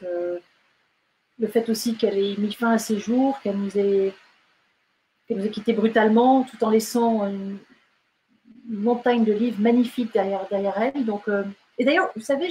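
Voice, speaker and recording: A woman's voice: a little high, warm tone, slight background noise, poor audio. A woman novelist talking casually in an interview, hesitant, with many fillers and restarts. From France and Britain. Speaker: novelist guest.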